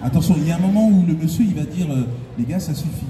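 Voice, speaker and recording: Slightly high and expressive, this man talks quickly as he playfully banters with a convention audience from a large indoor stage. A singer hosting the concert, he teases, laughs a lot and pushes the crowd to get louder. The handheld mic comes through a distant, echoing hall PA, recorded from the audience with some background noise and a cheering, noisy crowd.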